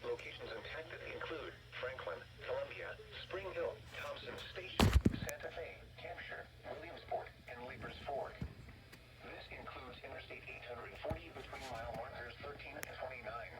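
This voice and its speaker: A computer-generated male voice reading a severe weather bulletin in a flat, even manner, played over a radio receiver. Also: mid-range voice, normal speed, long pauses, distant mic. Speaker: automated weather alert announcer. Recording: noisy, muffled radio heard from afar.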